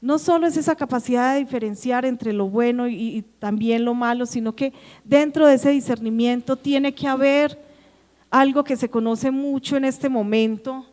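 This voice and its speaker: A woman with a Colombian Antioquia accent preaching a lively sermon to her congregation, asking them questions and acting out the dialogue she quotes. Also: high voice, normal speed. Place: church. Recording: church hall reverb.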